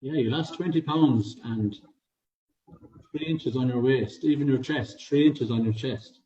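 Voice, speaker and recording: A man's voice: mid-range voice, measured pace, dark tone. A man with an Irish accent hosting a casual livestream interview, encouraging and complimentary as a coach. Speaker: host, fitness coach. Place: online video meeting. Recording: muffled, roomy, distant from the mic.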